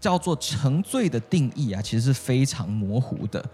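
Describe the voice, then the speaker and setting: A man with a Taiwanese Mandarin accent co-hosting a podcast that teaches English, chatting playfully and spelling words out slowly. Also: mid-range voice, sing-song, mellow, soft background music. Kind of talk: casual bilingual chat.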